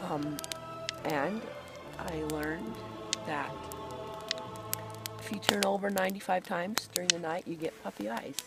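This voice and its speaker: A woman on a hiking trip, chatting casually and laughing at herself about the long days and rough sleep. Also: lowish voice, unhurried, pauses often, over loud music. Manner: laughing, self-deprecating, chatty. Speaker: hiking companion being interviewed. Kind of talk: casual on-camera chat. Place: outdoors on a mountain trail.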